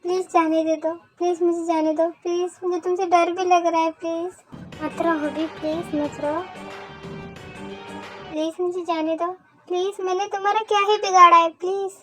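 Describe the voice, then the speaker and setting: A woman's voice: very high voice, a little fast, faint music behind. A young woman voicing a stubborn young heroine who turns frightened and pleading in a fan audio drama. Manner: pleading, tearful, talks back sharply.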